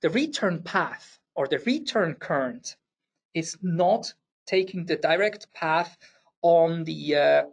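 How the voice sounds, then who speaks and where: Here a man from Switzerland, speaking with a Swiss German accent, presents a technical engineering webinar. His voice runs high, with lively intonation, creak, and a breathy edge. He explains step by step, a little haltingly, dropping in fillers and restarting sentences.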